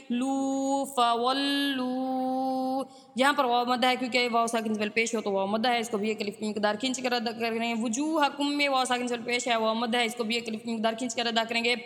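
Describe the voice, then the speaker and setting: High-voiced woman teaching Quran recitation, reverberant. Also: flat delivery, fairly bright tone. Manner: alternates slow drawn-out Arabic recitation with brisk explanation. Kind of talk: tajweed lesson explaining recitation rules.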